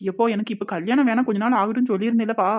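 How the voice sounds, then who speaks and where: Cartoon casting: a woman playing a sassy, fast-talking village daughter with a Tirunelveli accent, dull lo-fi sound. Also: a little high, fairly even intonation, close to an everyday voice. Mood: defiant. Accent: Tirunelveli Tamil. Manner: cheeky, quick talking back.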